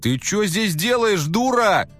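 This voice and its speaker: A man reading a story aloud, voicing a cocky young man who poses as a creepy maniac and talks in quiet, menacing, whispery tones with sinister chuckles. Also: rumbling low, takes it slowly, breathy edge, soft background music, voice pushed down, exaggerated voice. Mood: scolding.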